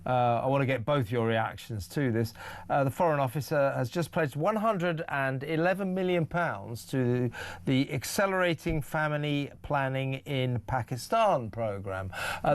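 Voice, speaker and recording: A man's voice: mid-range voice, no room sound. A man hosting a radio phone-in, talking in an emphatic, incredulous manner with frequent hesitations. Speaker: radio presenter.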